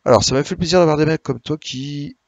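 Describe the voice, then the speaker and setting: A man streaming live, chatting casually with viewers, a bit tired, explaining slowly with many hesitations. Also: on the high side, dry recording, lo-fi sound. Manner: hesitant, many "euh" and restarts, friendly explaining. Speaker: Twitch streamer.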